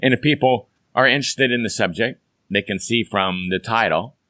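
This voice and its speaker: At a normal speed, a man with a hoarse, somewhat low but bright and forceful voice hosts a folksy, upbeat podcast chat. It's casual talk, recorded dry and close with no room sound.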